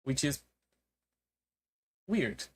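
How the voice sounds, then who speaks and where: A streamer talking casually in a halting way, with non-native English phrasing, on a solo stream. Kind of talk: casual solo debut stream talk about favourite books and music.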